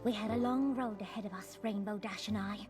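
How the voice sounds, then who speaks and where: A woman's voice: medium pitch, a little fast, music in the background, close to an everyday voice. An actress voicing a fashionable, theatrical young female pony who plays detective and narrates the story. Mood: narrating. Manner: theatrical, refined, gushing over fabrics. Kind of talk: cartoon voice acting with narration.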